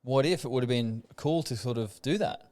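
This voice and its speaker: Australian male podcast host, smooth clear tone, easygoing chatter. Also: medium pitch, brisk, darkish tone. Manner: laid-back, chatty, says "um" and "mate" often. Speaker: rugby league player and podcast host. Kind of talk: casual chat about rugby.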